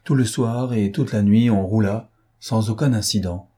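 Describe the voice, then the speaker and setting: A man narrating a novel as an audiobook, in steady, measured storytelling. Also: lowish voice, breathy edge.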